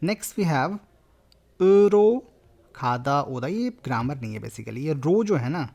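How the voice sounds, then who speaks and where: A man's voice: fairly high pitch, expressive, slow pace, creaky, a little mellow. A man teaching a language lesson, explaining grammar in a mix of Hindi and English.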